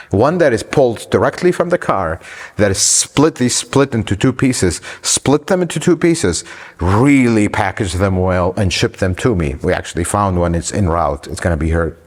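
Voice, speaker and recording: A man who runs an auto repair shop, explaining a car problem to viewers in an animated, exasperated way. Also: fairly low pitch, long reverb tail. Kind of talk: shop-floor explainer talk.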